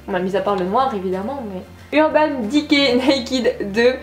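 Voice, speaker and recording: A woman's voice: on the high side, moderate pace. A woman casually reviewing a makeup palette, chatty and enthusiastic with a self-deprecating streak. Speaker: beauty vlogger. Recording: echoey room with faint music.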